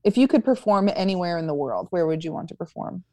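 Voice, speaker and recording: A woman's voice: on the low side, lively intonation, quick pace, darkish tone, no room sound. A woman comedian guesting on a podcast, joking and teasing in casual chat. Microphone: studio microphone.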